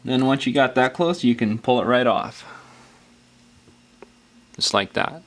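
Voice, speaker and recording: With lively intonation and a fairly bright tone, a man at medium pitch takes his time explaining a hands-on repair. He presents the tutorial in a loose, unscripted, step-by-step way, occasionally leaving a phrase hanging.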